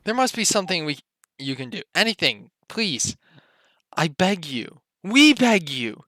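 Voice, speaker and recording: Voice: mid-range voice, sing-song, unhurried, a bit bright, dry recording. A performer reading the part of a desperate teenage girl who begs and apologizes, in a live-streamed script read-through. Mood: pleading. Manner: pleading and apologetic.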